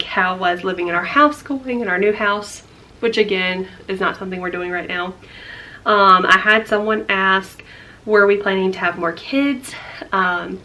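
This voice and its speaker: A woman's voice: medium pitch, pushed and bright. A young woman chatting through a casual life update vlog, a little out of breath and rambling with lots of fillers. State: slightly out of breath. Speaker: vlogger.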